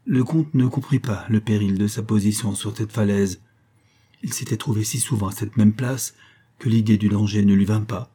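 A man narrating a literary story in a measured, even storytelling manner. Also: fairly low pitch, slightly rough. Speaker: audiobook narrator. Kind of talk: scripted narration.

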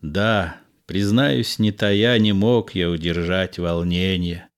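A man's voice: low voice, slow. A man voicing a melancholy poet-soldier.

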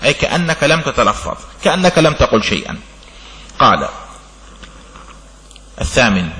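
A man teaching jurisprudence as a sheikh in a classroom lecture. He reads each line of the text slowly, then explains it with everyday examples and keeps checking that his students follow. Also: high-pitched, sharp tone. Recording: long hall reverb.

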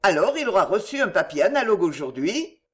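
A man voicing an eager young French viscount in an audiobook, animated and quick to chime in. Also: sits high.

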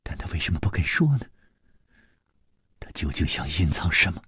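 A man voicing a cold, fierce young swordswoman who threatens in a low, hushed voice. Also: big pitch swings, moderate pace, breathy edge, no echo, clean studio sound, heavily acted. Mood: demanding.

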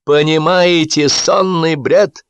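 A man voicing a pompous, bossy film director who declaims slowly and shouts orders, raised high above his own voice. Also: big pitch swings, no room sound. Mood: declaiming. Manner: theatrical, bossy, drawn-out declaiming.

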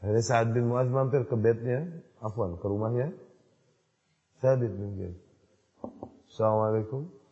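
A man preaching a sermon in storytelling mode, acting out the dialogue and rising to loud emphasis. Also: mid-range voice, measured pace, pauses often, slightly rough. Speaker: Islamic preacher. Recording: dull lo-fi recording in a reverberant hall.

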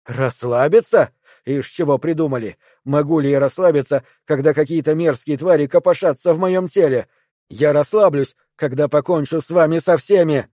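A paranoid, enraged man who rants at the creatures inside his body in a raised, loud voice, as a narrator puts him on. The timbre stays warm and mellow, recorded dry and close. It is a dark audiobook thriller. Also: on the high side, normal speed, dry recording, natural voice. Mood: raging. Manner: raised, angry, ranting. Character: Perry, infected man, raging and paranoid.

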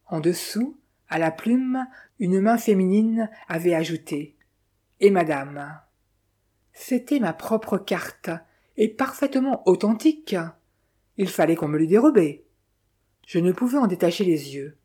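Woman reading a detective novel, dark husky voice, measured and dramatic. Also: medium pitch, expressive. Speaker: audiobook narrator.

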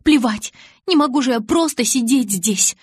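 A woman's voice: on the high side, normal speed, breathy edge, no echo, pitched above the performer's own voice. A woman voicing an anguished young woman who blames herself and bursts out emotionally. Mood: distraught. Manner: emotional, rising to loud outbursts.

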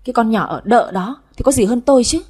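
A proud, arrogant young rival, played by a woman narrator in a storybook drama. Her voice climbs high and sharp when she threatens, with a husky grain. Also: animated, fast. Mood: haughty. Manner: haughty, threatening.

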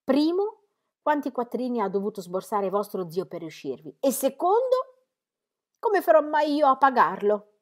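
Brief: woman voicing a grumbling, sardonic gentleman father, loud and forceful in a storybook reading. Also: a little high, very animated, normal speed, pitched above the performer's own voice. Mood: exasperated. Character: blunt sardonic middle-aged gentleman father. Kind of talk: audiobook character reading.

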